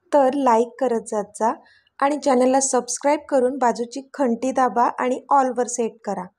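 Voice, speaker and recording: High-voiced woman giving a channel intro. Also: slight background noise. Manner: friendly, direct address to viewers. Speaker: channel host.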